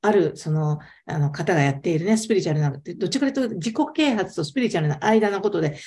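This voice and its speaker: A woman talks quickly and eagerly as a guest in a casual interview. Her voice is warm and mellow, and her pitch swings widely as she stresses her points. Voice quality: animated, emphatic storyteller. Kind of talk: casual storytelling chat.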